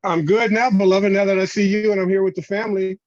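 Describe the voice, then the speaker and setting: A man's voice: sits high, level tone, fast, dry recording. A man who is a reverend presents a spiritual lecture over a video call, addressing listeners as family, heard in a screen recording. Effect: video call audio in a screen recording. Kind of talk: spiritual lecture to an online audience. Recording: dull, dry video call audio.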